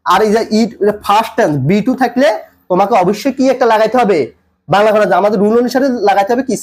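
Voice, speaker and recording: A man's voice: high-pitched, a little mellow. A man teaching English grammar in a tutorial lesson, repeating points and quizzing the viewer with questions as he explains.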